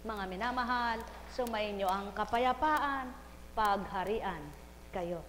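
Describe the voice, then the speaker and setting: A woman preaching a live sermon in a large hall. She repeats her calls to the listeners and swings from soft speech to loud cries. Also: mid-range voice, takes it slowly. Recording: echoey hall with faint hum.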